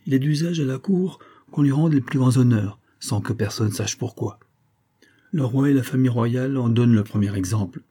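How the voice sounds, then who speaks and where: A man voicing a reserved young captain who speaks in a guarded, measured way. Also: mid-range voice, mellow, breathy edge, close to an everyday voice. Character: reserved young male captain, calm and brooding.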